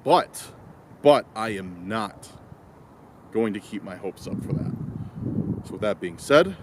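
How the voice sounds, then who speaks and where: Exploring outdoors on a cold night, an Illinois vlogger talks casually to his handheld camera, easygoing and rambling, with frequent self-corrections. He speaks slowly in a lowish voice with lively intonation, and background noise is audible.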